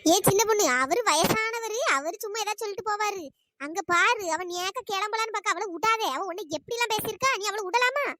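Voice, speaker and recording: Shrill, sly cartoon village troublemaker, fast-paced, woman voice actor. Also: sharp tone, no room sound. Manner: scolding, sly and gossipy. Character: meddling village woman stirring up fights. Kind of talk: cartoon voice acting.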